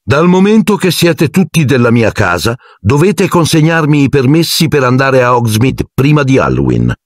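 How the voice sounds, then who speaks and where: A man's voice: mid-range voice, big pitch swings, moderate pace, no room sound, voice pushed up. Man doing a no-nonsense old lady teacher in an audiobook, clipped, bossy, dry sound. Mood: stern. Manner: clipped, authoritative. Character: stern older woman teacher, strict and formal. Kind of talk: audiobook character voice.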